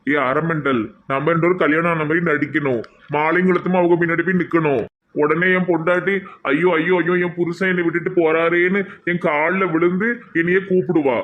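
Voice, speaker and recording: A man doing a blunt, hot-tempered shop owner, quick-talking. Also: fairly high pitch, steady tone, phone-quality sound, natural voice. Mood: scheming. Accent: Tirunelveli Tamil. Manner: blunt, scolding. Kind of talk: cartoon voice acting.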